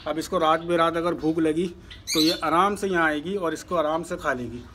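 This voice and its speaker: A man's voice: fairly high pitch, fairly even intonation, moderate pace. A man narrating his chores on a rooftop to viewers in a chatty, friendly way while he works, filmed on a handheld phone. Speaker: bird keeper vlogger. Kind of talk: casual vlog narration. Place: rooftop kitchen and bird pens, outdoors. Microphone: handheld phone camera. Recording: noisy rooftop phone recording.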